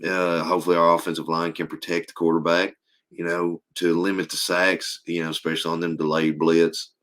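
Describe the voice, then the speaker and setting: A hoarse man, his voice sitting very low. He co-hosts a casual sports talk show, reading stats haltingly with plenty of ums and uhs. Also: fairly bright tone. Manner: halting, reads stats with many fillers. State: losing his voice. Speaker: podcast co-host.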